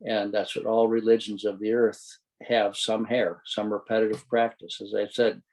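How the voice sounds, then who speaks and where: Man, low gravelly voice, rambling storyteller guest. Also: little pitch movement, moderate pace, a little mellow, low-quality recording. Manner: rambling, explanatory. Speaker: guest, tracking student. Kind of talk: storytelling and reflective talk.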